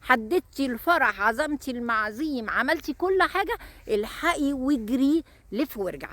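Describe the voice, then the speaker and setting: An Egyptian woman speaks in a slightly high voice as she gives marriage advice. She hammers her points home by repeating words again and again. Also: big pitch swings, a little fast, sharp tone, no room sound. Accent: Egyptian Arabic. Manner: emphatic, repeats words for stress. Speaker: relationship advice host.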